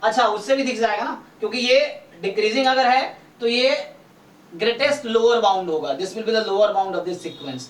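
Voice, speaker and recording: A high-sitting, fairly bright male voice belongs to a statistics and maths teacher running a doubt-clearing online class. He explains problems step by step in mixed Hindi and English, checking that students follow, and the recording is roomy and distant with faint noise.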